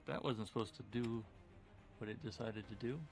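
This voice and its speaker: A man's voice: on the low side, flat delivery, normal speed, a little mellow, faint music behind. A man running a tabletop game as game master over a voice call, talking casually and laughing easily. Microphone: home computer mic on a voice call.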